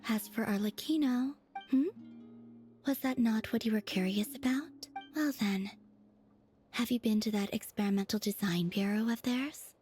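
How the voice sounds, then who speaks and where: A woman voicing a mysterious moon deity who speaks in a measured, soft, often whispery way. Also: on the high side, faint music behind, lightly acted. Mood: pensive.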